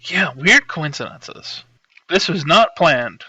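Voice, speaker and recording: A man with a fairly high, very bright, edgy voice, recorded on a dry, muffled lo-fi mic. He co-hosts a casual comedy podcast, talking wryly and laughing through his sentences. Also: animated, slow, husky, dry recording. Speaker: podcast co-host. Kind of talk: casual comedic film review chat.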